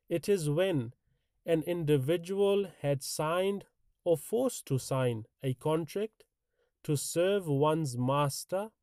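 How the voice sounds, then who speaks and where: A man's voice: fairly high pitch, dark tone, no echo, clean studio sound. A man presents a scripted educational podcast in a formal, careful way. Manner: formal, careful, measured delivery.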